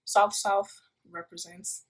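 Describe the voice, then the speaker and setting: A young woman studying at a Nigerian university speaks at medium pitch, with a level tone and a slow pace. She meanders through a casual vlog with many fillers and self-corrections, and the phone taped to her room's wall yields poor audio.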